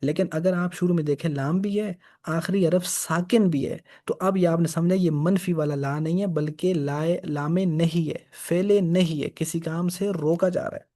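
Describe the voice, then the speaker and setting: A man's voice: a little high, fairly even intonation, moderate pace, warm tone. A man teaching Arabic grammar for reading the Quran, patiently repeating each example. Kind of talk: grammar lesson.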